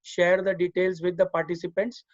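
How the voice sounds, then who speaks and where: A man with an Indian accent hosts an unscripted panel. His voice is high for a male speaker, and the call audio is dull and lo-fi. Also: level tone, normal speed. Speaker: session host. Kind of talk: unscripted online panel moderation.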